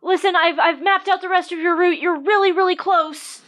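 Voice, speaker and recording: A woman voicing a small, chirpy young character with a pixie-like squeak in a tabletop role-play game. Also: fairly even intonation, moderate pace, a bit bright. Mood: friendly, chatty.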